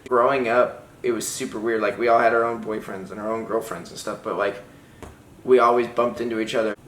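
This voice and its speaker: A young man telling his side of a story in a casual couple's chat, relaxed and rambling, with lots of "like". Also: fairly low pitch, a little fast, slight background noise. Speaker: vlogger, BMX rider. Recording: echoey room.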